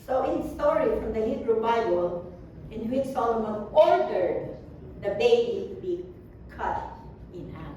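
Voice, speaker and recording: A woman preaching a sermon, talking slowly with many fillers and restarts, heard from a distance in an echoey room. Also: fairly high pitch, animated, warm tone, highs cut off. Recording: distant echoey room with faint background noise.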